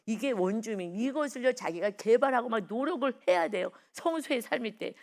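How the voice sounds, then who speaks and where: A woman's voice: on the high side, lively intonation, brisk, a little mellow. A woman pastor giving an early-morning devotional sermon in a conversational way, telling personal stories and putting questions to the congregation.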